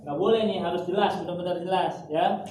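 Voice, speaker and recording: A man teaching Quran recitation in an informal class, patiently repeating rules and slowly chanting drawn-out example words. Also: high voice, fairly even intonation, a little mellow. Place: gathering room with students. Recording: echoey room, far from mic, noisy.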